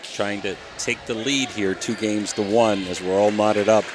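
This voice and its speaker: A man hosting a high school volleyball broadcast, giving steady score recaps and lifting his voice for big moments. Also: unhurried, very noisy. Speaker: broadcast host. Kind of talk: sports broadcast score updates.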